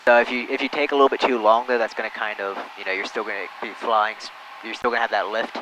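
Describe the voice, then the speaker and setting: A man's voice: fairly low pitch, steady tone, quick pace. A man working as a flight instructor, talking like a pilot in casual coaching and radio calls. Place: small aircraft cockpit. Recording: loud engine noise in small plane.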